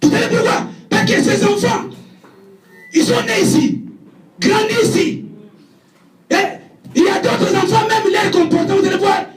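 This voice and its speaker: High-pitched shouting preacher, echoey hall. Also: male voice, moderate pace, pauses often, soft background music. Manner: shouting, impassioned, drops low for asides. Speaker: evangelist preacher. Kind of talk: sermon. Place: church hall. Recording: echoey church from far off.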